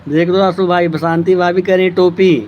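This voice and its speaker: A man's voice: high voice, monotone, moderate pace, dull audio, a little hiss or hum. A man hosting a casual live stream, chatting with viewers by name, teasing them and thanking them for their support.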